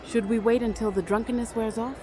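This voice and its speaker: An actress playing a cautious, concerned young student who is a loyal friend, in an audio drama. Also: female voice, on the high side, steady tone, brisk, a crowd in the background, close to an everyday voice. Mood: worried.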